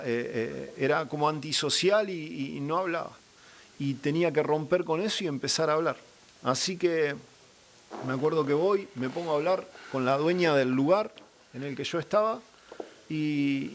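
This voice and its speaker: Young man, slightly high voice, earnest testimony, acts out quoted dialogue. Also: slight background noise. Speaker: guest giving a faith testimony. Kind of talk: personal religious testimony.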